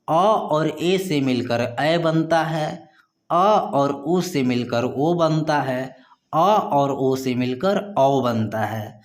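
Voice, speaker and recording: A man teaching a grammar lesson, explaining slowly and patiently and often reminding students to pay attention. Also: a little high.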